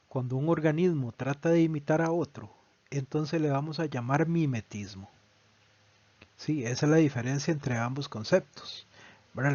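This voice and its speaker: A man's voice: a little high, a little mellow, no echo. A man teaching a biology lesson, explaining patiently and often checking in with the listener. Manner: patient, explanatory, often asks a tag question. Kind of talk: recorded online lesson. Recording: dull lo-fi, dry voice recording.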